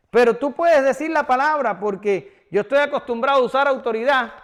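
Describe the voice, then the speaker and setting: A man with a strikingly high voice leads a Bible study class. He talks in an animated way and keeps asking his listeners questions. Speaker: Bible teacher. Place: classroom with whiteboard.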